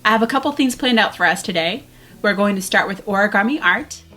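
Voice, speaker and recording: A woman in her thirties with a mid-range, sharp-toned voice hosts a virtual library show as a school librarian. She's animated and brisk, talking casually to camera for students.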